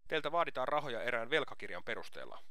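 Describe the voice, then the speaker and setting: A man's voice: medium pitch, big pitch swings, bright, forceful tone, no room sound. A man reading an audiobook aloud, voicing a smug police office clerk who speaks in an officious, matter-of-fact way.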